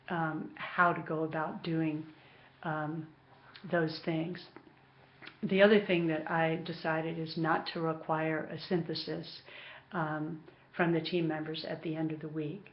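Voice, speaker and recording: A woman instructor giving an informal announcement to her class in a hesitant, pensive way, pausing often to think, on a dull, muffled recording. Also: sits low, slight background noise. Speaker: course instructor.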